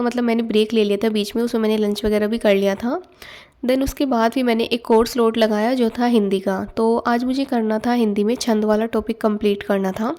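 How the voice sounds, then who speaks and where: A woman's voice: on the high side, mellow. A young woman narrating her study day in a casual vlog, chatty and loose, mixing in English words. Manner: chatty, loose Hindi-English mix with fillers. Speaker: exam aspirant vlogger. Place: at home.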